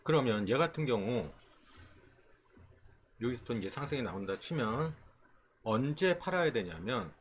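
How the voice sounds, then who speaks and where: A stock trading instructor gives an informal screen-share tutorial explaining stock charts, his medium-pitched voice swinging widely at a moderate pace with frequent pauses. He often checks in with short rhetorical questions. There's slight background noise.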